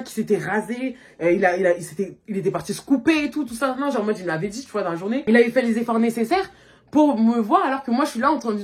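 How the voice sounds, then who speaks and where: A woman vlogger telling a story in a casual, animated way, talking loosely and full of filler words, recorded on a phone. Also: fairly high pitch, breathy edge. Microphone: phone camera.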